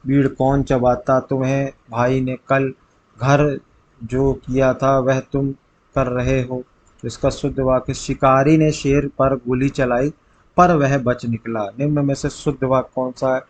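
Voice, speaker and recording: This tutor, who has a Hindi accent from north India, prepares students for exams by reading multiple-choice grammar questions and their options before giving the correct answer. He speaks unhurriedly in a flat, slightly mellow medium-pitched voice. The audio is poor in quality.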